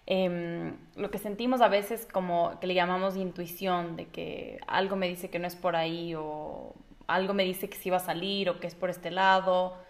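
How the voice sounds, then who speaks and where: A woman's voice: fairly low pitch, steady tone, moderate pace. A woman hosting a podcast, asking curious, friendly questions while thinking aloud. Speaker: podcast host. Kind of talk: casual interview questions.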